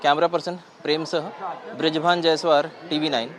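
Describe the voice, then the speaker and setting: A man's voice: on the high side, flat delivery, a little fast, a crowd in the background. A man reporting from an outdoor festival gathering for a TV news channel, asking questions with many hesitations and fillers. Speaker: TV field reporter.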